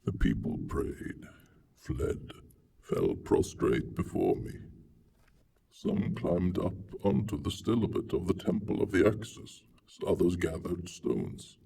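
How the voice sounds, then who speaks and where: A man performs a proud, lonely monster in a literary monologue, extremely deep and slow, with heavy creak. The delivery is hammy and stagey, grandiose yet childlike, swelling and dropping into hushes. It is picked up from a distance with faint noise. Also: wildly swooping pitch, heavily acted. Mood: haughty. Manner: haughty, pompous. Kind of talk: dramatic reading of a literary monologue.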